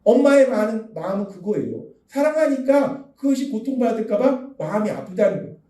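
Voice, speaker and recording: A man's voice: sits high, big pitch swings, a little fast, warm tone, roomy sound, distant mic. A man preaching a sermon as pastor, asking earnest rhetorical questions. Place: church sanctuary.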